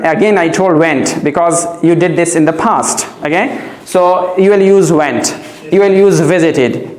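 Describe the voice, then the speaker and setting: A man teaches a grammar lesson in an echoey classroom, repeating key phrases and making sure his pupils follow along. This English teacher has a high, slightly mellow voice.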